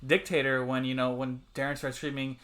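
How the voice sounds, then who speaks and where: A man hosting a casual podcast chat, his voice sitting in an ordinary middle pitch. He talks earnestly and loosely, with many fillers as he shares his opinions. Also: little pitch movement, a little fast, fairly bright tone. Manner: earnest, frequent "you know" fillers. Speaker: podcast host.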